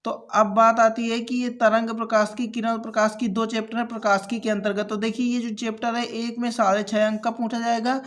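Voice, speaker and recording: High-voiced man teaching a physics lesson. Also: flat delivery, a little fast, few pauses, fairly bright tone. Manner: asks and answers his own questions. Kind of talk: Hindi physics lesson for students.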